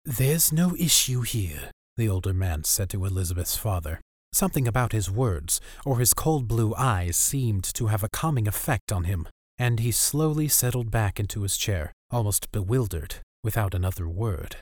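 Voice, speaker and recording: A man narrating a story aloud in a steady storytelling manner. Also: on the low side, normal speed, dry recording, studio quality. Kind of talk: audiobook narration.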